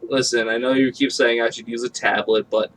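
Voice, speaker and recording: A man's voice: mid-range voice, flat delivery, a little fast, a bit bright, rough recording. A man chatting casually as a co-host on a stream, teasing and sarcastic. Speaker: co-host friend. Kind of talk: casual chat.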